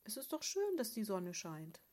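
A woman's voice: medium pitch, big pitch swings, moderate pace, mellow, a little hiss or hum, close to an everyday voice. A woman reading aloud, voicing a patient, motherly female bear in a children's story, soothing her husband.

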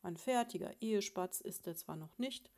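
A woman reading a storybook, voicing a prim, self-assured female sparrow who lectures her husband in a patronizing, gently scolding way. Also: medium pitch, expressive, moderate pace, natural voice. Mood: lecturing.

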